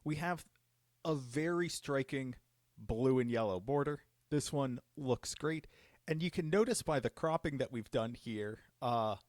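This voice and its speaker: A man's voice: a little high, darkish tone, dry recording, clean studio sound. A man hosting a live stream Q&A, casually revealing cards with enthusiasm. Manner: enthusiastic, upbeat card reveals. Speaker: judge program host.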